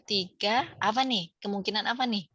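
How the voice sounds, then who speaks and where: A woman with an Indonesian accent teaching a statistics class, explaining step by step, quizzing students and filling pauses with "eh". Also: mid-range voice, a bit bright, slightly rough, dull audio. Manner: explanatory, asks students questions, many fillers. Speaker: statistics lecturer. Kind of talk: online class lecture.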